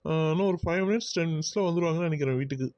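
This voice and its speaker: A man's voice: fairly high pitch, racing, darkish tone, no room sound, lo-fi sound, natural voice. A man voicing an exasperated young man in a cartoon, sighing and dodging a marriage. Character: exasperated young man, ambitious, reluctant groom. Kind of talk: Tamil cartoon voice acting.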